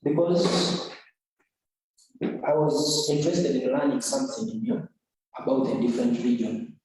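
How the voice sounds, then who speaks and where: A young man from Uganda answers an examiner's questions earnestly, pausing and repeating words as he works out his points. His tone is dark and mellow. He sounds distant, caught in a strongly echoing room. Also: on the high side, big pitch swings, slight background noise. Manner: earnest, hesitant, repeats words while explaining. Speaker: student defending an essay. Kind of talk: academic oral examination. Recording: echoey room from far off.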